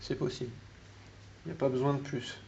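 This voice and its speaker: A man with a French accent leads a live meetup talk in a meeting room, explaining step by step and often turning to the audience with questions. His voice sits at an ordinary middle pitch. The recording is slightly dull, with a faint hiss behind him. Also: steady tone, a little fast, vocal fry. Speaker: meetup speaker.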